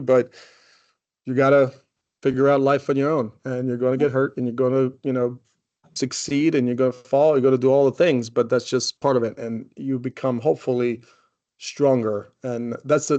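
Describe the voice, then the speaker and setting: A man's voice: medium pitch, fairly even intonation, brisk, a little mellow, dull audio. A man in his forties from Croatia, a guest in a casual interview, talking loosely with many "you know"s and restarts. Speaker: guest, company CEO.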